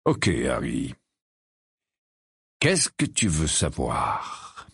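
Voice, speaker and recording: A man voicing a brooding, bitter man who speaks low, quietly and slowly. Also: wildly swooping pitch, gravelly, husky, no room sound, clean studio sound, full character voice. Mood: calm.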